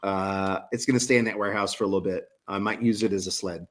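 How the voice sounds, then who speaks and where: A man in his early forties chatting as a podcast guest. He talks in a somewhat low voice and stays upbeat and eager, plugging gear like he means it. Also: fairly even intonation, quick pace, fairly bright tone. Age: 40s. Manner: enthusiastic, promotional. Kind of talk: casual chat.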